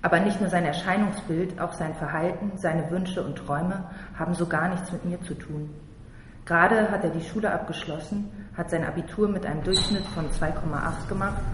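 A man from Berlin reading a first-person story aloud in a blunt, slangy, tough-talking way. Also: fairly high pitch. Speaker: narrator. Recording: roomy hall reverb, faint noise.

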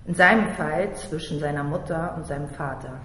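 A man's voice: on the high side, normal speed, fairly bright tone. A man from Berlin reading a first-person story aloud in a blunt, slangy, tough-talking way. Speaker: narrator. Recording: roomy hall reverb, faint noise.

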